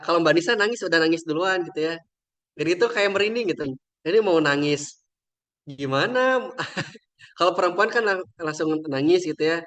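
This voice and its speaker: With a high-pitched, fairly bright voice, a young religious teacher appears as an invited speaker and relates a touching story. His delivery is relaxed and conversational, full of trailing fillers, in a heartfelt storytelling talk.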